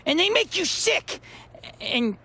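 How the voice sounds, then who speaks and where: A woman voicing an excitable, goofy little boy in a preschool cartoon, with a loud, silly, cute germ voice. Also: very high-pitched, slow pace, exaggerated voice. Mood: excited, eager. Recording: music behind the voice.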